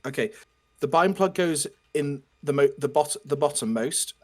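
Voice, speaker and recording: A man's voice: fairly high pitch, a little mellow. A man casually talking a teammate through wiring a small robot over a video call, stopping and restarting as he explains. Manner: halting, restarts often while explaining. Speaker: robot builder guiding a teammate.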